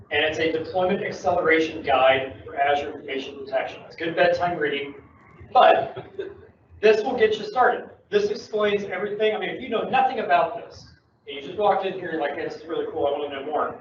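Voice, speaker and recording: A Microsoft security presenter gives a casual talk at a tech user-group meetup in a meeting room, chatty and upbeat, joking as he explains. His voice is high-pitched, and the recording is echoey and distant, with a dull mic and slight background noise.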